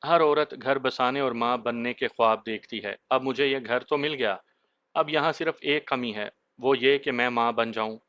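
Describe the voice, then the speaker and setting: A yearning young wife from a storybook, tender and coaxing, voiced by a man in his own voice. Her lines carry a bright, forward tone. The recording is dry and a little dull. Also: medium pitch, normal speed, no echo, lightly acted. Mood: longing. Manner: soft, pleading tone.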